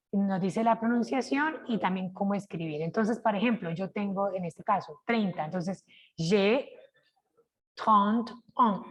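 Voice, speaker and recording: In a virtual French class with her screen shared, a Colombian teacher speaks in an unhurried, medium-pitched female voice with a Colombian Spanish accent, and the recording sounds muffled. She pauses to ask whether the group understands, with frequent "¿cierto?", and slowly and carefully repeats each French expression.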